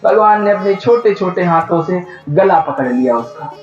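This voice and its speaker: A man preaching a devotional sermon, telling a sacred story and urging the audience with animated questions. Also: sits high, normal speed, dull audio, soft background music. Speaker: katha preacher.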